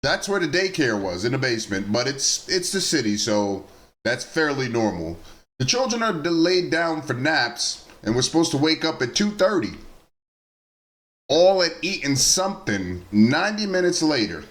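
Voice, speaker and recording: A man's voice: on the high side, very animated, moderate pace, a bit bright. A man who hosts a news commentary vlog, reading reports aloud and breaking off into blunt, informal asides to viewers he calls his nieces and nephews. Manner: reads the reports, then adds blunt personal asides.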